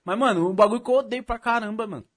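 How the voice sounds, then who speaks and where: A young man with a Brazilian Portuguese accent from São Paulo chats casually at a rapid clip. His voice sits high for a man. His talk is full of street slang and swearing. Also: a bit bright. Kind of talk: casual chat.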